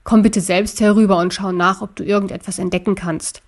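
A woman voicing Ariel, a small, brave male stuffed-toy elk in a storybook, speaking in a calm, thoughtful way. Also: medium pitch, brisk, close to an everyday voice.

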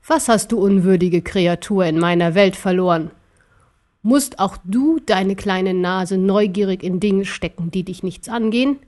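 A woman voicing an arrogant, cruel ancient emperor in an audiobook, speaking slowly and scornfully. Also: medium pitch, darkish tone, lightly acted. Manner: slow, scornful and gloating. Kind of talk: audiobook character voice.

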